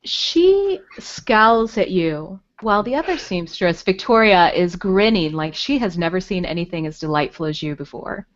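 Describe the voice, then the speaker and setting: A woman's voice: fairly low pitch, lively intonation, normal speed, hardly any pauses. A woman narrating as dungeon master, describing the scene with frequent fillers. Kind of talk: narrating a tabletop game. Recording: dull lo-fi recording.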